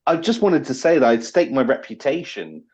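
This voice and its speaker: A man's voice: mid-range voice, very animated, fairly quick, a little mellow, muffled recording. A man, a player speaking as his squire character in a mock-formal, earnest way. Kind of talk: casual in-character game play.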